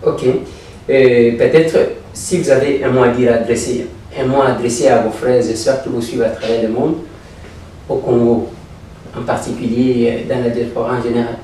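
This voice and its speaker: A man interviews a guest, asking probing questions with hesitant fillers and repeated words. His voice is mellow and dark in tone. He is recorded from a distance in a very echoey room with faint noise. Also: medium pitch, flat delivery, moderate pace.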